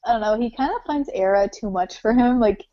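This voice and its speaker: A woman's voice: on the high side, a little fast, warm tone, dry recording. A woman hosting a casual chat, rambling and filling her talk with "like", a little self-conscious about it. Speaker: host. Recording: dull lo-fi sound.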